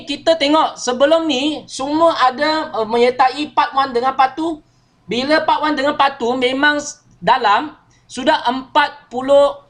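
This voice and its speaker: A high-pitched woman leads a workshop in a chatty way. She tells a story to the group and keeps checking in with questions. Her phrases are often tagged with "okey". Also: fairly bright tone. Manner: chatty, asks listeners questions, frequent 'okey' tags. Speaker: workshop trainer. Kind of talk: training talk with storytelling.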